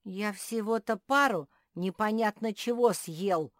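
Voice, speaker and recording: A woman's voice: mid-range voice, measured pace, dry recording, clean studio sound, voice pushed up, close to an everyday voice. A woman voicing a cheeky, teasing squirrel boy in a storybook reading. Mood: sly. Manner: sly, giggling, teasing.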